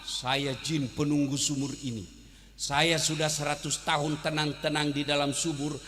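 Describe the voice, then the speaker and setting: A man's voice: fairly high pitch, flat delivery, moderate pace, a bit bright, slight background noise, voice pushed down, natural voice. A man voicing a huge male jinn who guards an old well, grumbling about being disturbed. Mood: weary complaining. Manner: grumbling complaint. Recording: echoey hall.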